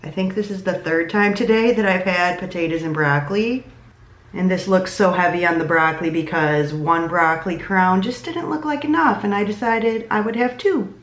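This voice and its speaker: A woman's voice: on the low side, normal speed, echoey room. A woman chatting casually about her meals in a food vlog, often laughing. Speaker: vlogger.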